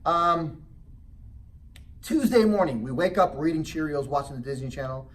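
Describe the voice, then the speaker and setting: Guy giving a real estate sales seminar, keeps asking "make sense?", kinda high, sounds off-mic. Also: moderate pace, far from the mic. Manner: animated storytelling with frequent rhetorical check-ins. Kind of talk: motivational sales seminar talk.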